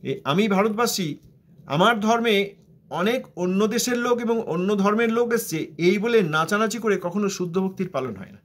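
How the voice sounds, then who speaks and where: A man's voice: high-pitched, animated, normal speed, a bit bright. A man with a Bengali accent giving a devotional discourse, explaining scripture and asking rhetorical questions. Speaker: religious teacher.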